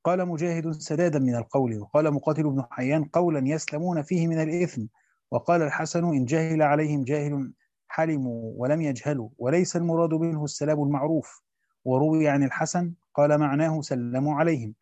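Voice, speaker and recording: Guy reading through an old quran commentary, dark mellow voice, dry slightly muffled sound, goes back over phrases. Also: fairly high pitch, dry recording. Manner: reads quickly, repeats phrases to correct himself. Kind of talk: steady scholarly reading with brief explanations.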